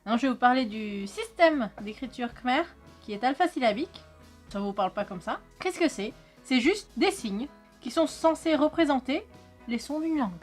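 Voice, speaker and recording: A woman from France hosting a casual language-lesson video, chatty and joking, with the odd swear word. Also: high voice. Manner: chatty, swears, jokes with friend. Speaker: video host teaching Khmer. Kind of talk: casual educational vlog.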